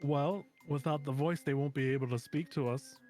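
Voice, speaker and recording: A man's voice: fairly high pitch, steady tone, moderate pace, a little mellow, faint music behind. A man talking casually, partly in character, as a player in a tabletop game.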